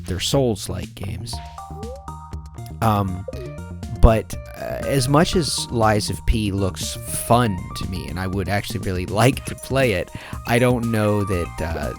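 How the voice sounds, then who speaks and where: A man commenting over gameplay in a rambling, casual way, full of fillers and restarts, sounding sleepy. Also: lowish voice. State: sleepy, yawning. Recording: clear background music. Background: background game music.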